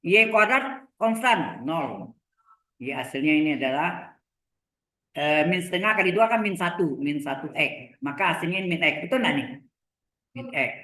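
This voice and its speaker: A middle-aged man lecturing on engineering mathematics, talking slowly, repeating terms and checking that the class follows. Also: on the high side, animated, sharp tone. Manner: slow, repeats terms, asks checking questions. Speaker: university lecturer. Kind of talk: live lecture on vector calculus. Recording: echoey room.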